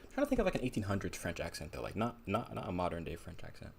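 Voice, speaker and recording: A man with a very low voice talks loosely to his live audience as he paints, thinking out loud and poking fun at himself. A faint hiss of background noise sits under his voice. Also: huge pitch swings, very fast, gravelly. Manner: rambling, musing aloud, self-deprecating. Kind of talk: casual livestream chat while painting.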